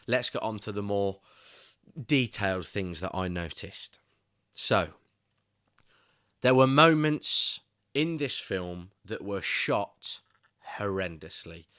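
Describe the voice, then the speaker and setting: A man's voice: fairly low pitch, fairly bright tone. Irate young man reviewing films. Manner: passionate, increasingly irate ranting. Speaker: film reviewer. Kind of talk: casual solo video review.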